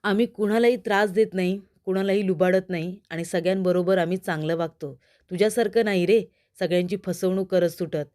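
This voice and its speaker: A woman's voice: on the low side, brisk, mellow, close to an everyday voice. A woman reading an angry, protective young man. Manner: indignant, defiant. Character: hurt young man, protective and quick to anger.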